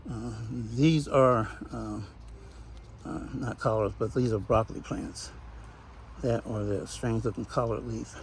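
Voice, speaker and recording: A man's voice: medium pitch, fairly even intonation, measured pace, creaky, a little hiss or hum. A man giving a folksy, chatty tour of his backyard garden, laughing now and then. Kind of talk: casual garden walkthrough.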